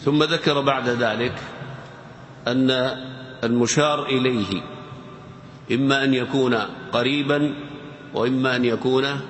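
A man teaching a grammar lesson in a slow, deliberate way, repeating key words and examples for his students. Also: mid-range voice, fairly even intonation, a bit bright. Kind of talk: formal classroom lecture. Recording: echoey hall with faint noise.

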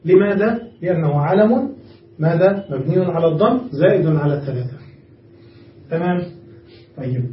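High-voiced man teaching grammar class. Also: animated, moderate pace, pauses often, slight background noise. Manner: explains patiently, checks understanding with repeated questions. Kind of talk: classroom lesson. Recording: far-off echoey muffled room recording.

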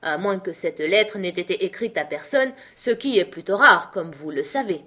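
A blustering storybook king, grave and self-important, pressing hard on his words, as a woman reads him. The voice sits a little higher and louder than a plain reading. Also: lively intonation, moderate pace. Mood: grave, pompous. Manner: solemn, emphatic, blustering. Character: grave pompous old king of a court.

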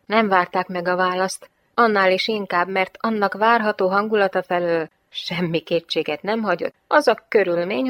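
A woman's voice: mid-range voice, dry recording. A woman reading a novel aloud as an audiobook narrator, with a wry, ironic delivery.

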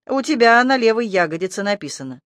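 A sarcastic, scruffy male talking rat, mocking and needling at every turn, voiced by an audiobook narrator. Close, dry audiobook sound with a middling pitch. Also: big pitch swings, fast, fairly bright tone, no echo. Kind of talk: audiobook character voice.

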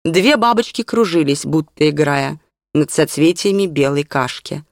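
An audiobook narrator reading a story in calm, even storytelling. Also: mid-range voice, no room sound, clean studio sound. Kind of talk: scripted narration.

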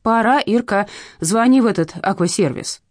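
A woman's voice: animated, no room sound, studio quality, natural voice. A woman voicing a bossy, practical friend who gives orders. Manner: commanding, low and brisk.

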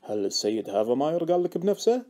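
A man with a Gulf Arabic accent voicing a calm, shrewd old male stock trader, speaking in a cool, dry, unhurried way. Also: a little high, voice pushed up. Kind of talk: audiobook character voice.

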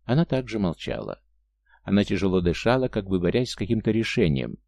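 A man reading a novel aloud as an audiobook narrator, measured and even, close to the mic. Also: lowish voice, gravelly, no room sound. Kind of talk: scripted narration.

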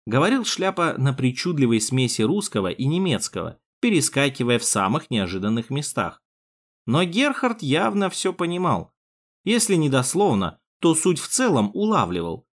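A man narrating an audiobook chapter in first person with an expressive reading. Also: mid-range voice, normal speed. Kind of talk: scripted narration.

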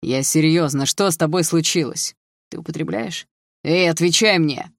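A woman's voice: sits low, normal speed, creaky, dry recording, clean studio sound. A woman voicing an angry young man who barks and hisses at his sister, in an audiobook reading. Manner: barking, hissing, harsh. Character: angry young man, protective older brother.

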